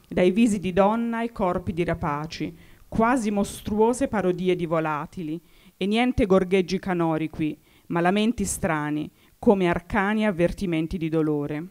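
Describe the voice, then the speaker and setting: A woman reading a scholarly introduction aloud in a formal, measured way, slowing down for quoted lines of verse. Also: fairly low pitch, darkish tone. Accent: Italian. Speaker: reader of an introduction.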